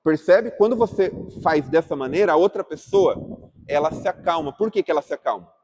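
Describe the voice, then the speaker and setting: A man's voice: on the high side, animated, fairly quick, a little mellow, slight background noise. A man teaching a class at church, talking casually and asking the group questions. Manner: asks the group questions, calling on people by name. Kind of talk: interactive class talk.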